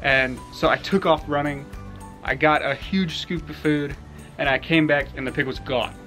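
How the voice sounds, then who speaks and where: A young man casually telling a story about his homestead, animated and laughing at times. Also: a little high, moderate pace, faint music behind. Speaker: homestead vlogger.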